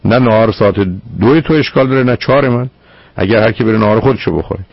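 A man's voice: mid-range voice, gravelly, no room sound, lo-fi sound. A man hosting a radio call-in show as a psychologist, probing and lecturing his caller firmly. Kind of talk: call-in advice counseling.

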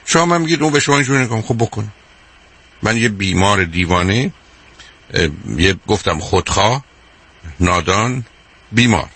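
A man's voice: fairly low pitch, lively intonation, long pauses, bright, forceful tone, husky. An older man hosting a radio call-in advice show, talking emphatically and repeating his points, calling the caller dear.

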